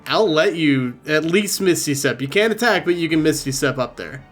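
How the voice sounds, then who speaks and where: A man's voice: a little high, lively intonation, normal speed, a bit bright, soft background music. A man running a tabletop game as game master, easygoing and a little hesitant.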